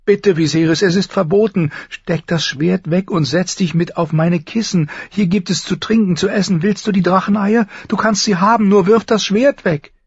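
A man voicing a young queen who pleads softly and steadily. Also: fairly high pitch, steady tone, moderate pace, breathy edge, no room sound, dull audio, pitched above the performer's own voice. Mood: pleading. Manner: pleading, soft.

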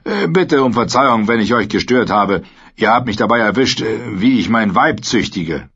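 A cocky captive knight drips sarcasm and mock courtesy, played by a male reader. His voice is a bit husky, and the recording sounds dull and lo-fi. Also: fairly low pitch, animated, normal speed, a bit bright, exaggerated voice. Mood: mock-friendly. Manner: sardonic, mocking.

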